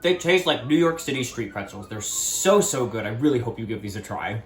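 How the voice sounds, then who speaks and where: A man's voice: mid-range voice, expressive, brisk, echoey room, soft background music. A man hosting a casual cooking demonstration in a kitchen, upbeat and chatty, calling his viewers friends. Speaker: cooking video host.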